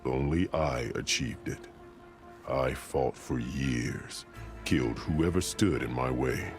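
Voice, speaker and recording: Loud music underscores this very deep, gravelly male voice, heavily acted as a stern, proud, commanding warrior chief of a tribe. The video game performance is dramatic, solemn, formal, measured, and declarative, telling its story gravely.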